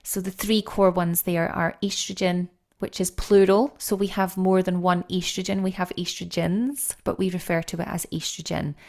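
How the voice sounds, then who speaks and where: Middle-aged woman, low voice, coach, lively explainer, podcast interview. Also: moderate pace, few pauses. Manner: lively, explains step by step, animated stresses. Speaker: menopause coach, guest.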